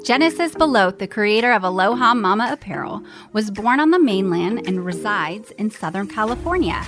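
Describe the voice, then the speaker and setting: A woman's voice: medium pitch, animated, moderate pace, over music. A woman hosting a pet podcast who chats with her guest and also reads a sponsor ad. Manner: warm listener, reacts with short interjections. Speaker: podcast host. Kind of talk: casual interview and ad read.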